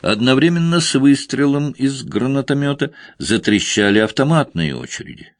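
A man reading a thriller audiobook aloud in a measured, tense narrating style. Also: medium pitch, animated, no room sound. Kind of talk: dramatic scripted narration.

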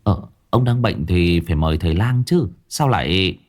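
A man's voice: low voice, expressive, moderate pace, a little mellow. A man voicing an anxious young male household servant who stammers and pleads with his master. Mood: worried.

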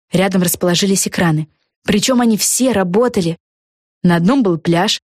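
A woman reading a children's storybook aloud with an expressive, even delivery. Her voice sits a little low and sounds dry and close to the mic. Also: no room sound. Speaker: audiobook narrator. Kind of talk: storybook narration.

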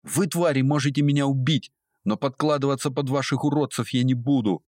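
A man's voice: low-pitched, expressive, moderate pace, a bit bright, no echo, studio quality. A man voicing a furious, defiant young woman held captive, who shrieks and hisses her threats. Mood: furious screaming. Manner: shrieking, hysterical.

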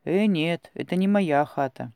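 A man's voice: fairly high pitch, a little slow, gravelly, darkish tone, smooth, dry recording. A man voicing a stubborn, grumbling old Cossack villager who mutters indignantly to himself. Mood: muttering.

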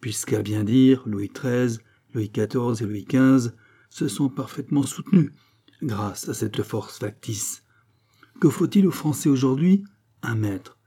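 A resigned king, calm and patient, in a dark, husky voice. The audiobook reading stays even and measured. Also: medium pitch. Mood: weary calm.

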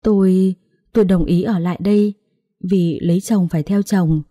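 A woman's voice: mid-range voice, fairly even intonation, normal speed, dark tone, no echo, clean studio sound, natural voice. A woman voicing a naive, blunt young village bride in a storybook reading. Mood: pleading.

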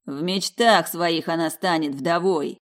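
A woman voicing a brutish, threatening heavy older man who drags his bellowed threats out slowly in a storybook reading. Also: lowish voice. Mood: furious. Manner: slow, drawn-out bellowing threats.

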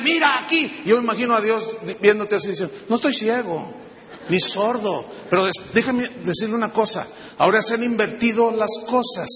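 A man preaches a sermon in a high, bright, forceful voice. He peppers his listeners with rhetorical questions and delivers each point with energy. His voice rings out with a long reverb, as in a large church hall. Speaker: pastor.

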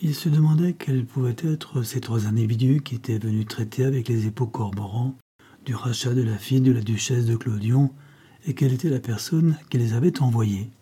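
A man's voice: mid-range voice, normal speed, breathy edge. A man narrating a novel as an audiobook, telling it steadily and voicing the characters. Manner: steady storytelling with voiced characters.

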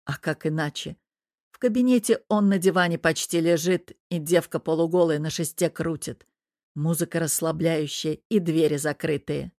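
A woman reading a story aloud in a steady, even manner as an audiobook narrator. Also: deep voice, normal speed, no echo, clean studio sound. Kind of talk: scripted narration.

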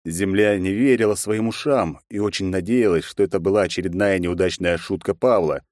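A man narrating an audiobook in a steady, measured reading. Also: low voice, dry recording, clean studio sound. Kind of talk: scripted narration.

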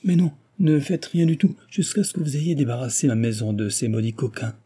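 A man voicing a desperate, ruined gentleman who pleads in a raised, frantic voice. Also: medium pitch, lively intonation, a little fast, slightly rough. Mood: effusive.

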